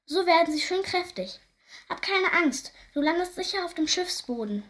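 A woman's voice: very high-pitched, animated, normal speed, a bit bright, pitched above the performer's own voice. A woman voicing a strict but kindly female angel teacher in a children's story, giving orders to little angels. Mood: encouraging. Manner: stern, calling out orders.

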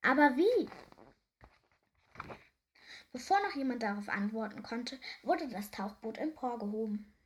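Lively woman reading a children's story. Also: fairly high pitch, normal speed. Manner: lively, warm storybook narration.

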